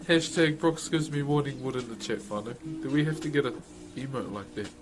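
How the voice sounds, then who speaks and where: Over music, a live streamer with a broad New Zealand accent chats casually with viewers, laid-back and full of slang. His voice is mid-range and brisk.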